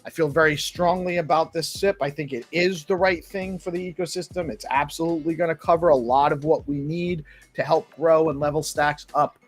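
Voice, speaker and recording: A man's voice: a little high, fairly even intonation, a little fast, few pauses, soft background music. A man hosting a casual live community talk, emphatic and given to repeating his points. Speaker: talk show host.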